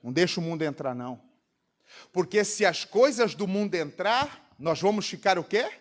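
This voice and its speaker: A Brazilian pastor preaching a sermon to a congregation, throwing out rhetorical questions for the crowd to answer. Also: male voice, high voice, sing-song, normal speed. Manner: rhetorical call-and-response questions. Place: church congregation.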